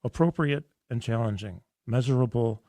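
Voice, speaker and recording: A man hosting a health radio show in a studio, talking in a casual, enthusiastic and rambling way with a hoarse, raspy voice. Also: medium pitch, moderate pace, mellow, dry recording.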